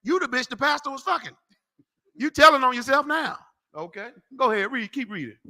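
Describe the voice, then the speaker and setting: Brief: profane street preacher, man, high, tense, cutting. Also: expressive, fairly quick, bright, forceful tone. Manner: brash, profane, mocking, tells people off. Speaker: street preacher teaching a class. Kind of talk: loud street-corner Bible teaching.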